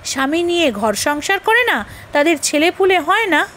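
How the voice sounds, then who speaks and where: A woman's voice: extremely high pitch, big pitch swings, fairly bright tone, slight background noise, full character voice. A woman reading the part of a mocking village woman who scolds a young wife with taunting questions. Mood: scolding. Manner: taunting, rapid-fire questions.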